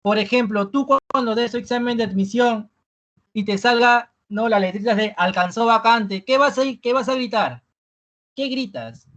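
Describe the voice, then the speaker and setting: A teacher leads a live online review class, tagging a questioning "¿no?" onto nearly every phrase and slowing down to repeat key words for emphasis. The voice is medium in pitch and a bit bright.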